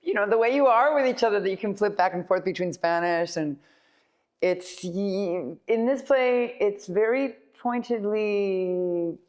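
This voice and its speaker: A woman's voice: mid-range voice, a little slow, darkish tone. A woman actor in an interview, playful and jokey. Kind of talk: casual interview.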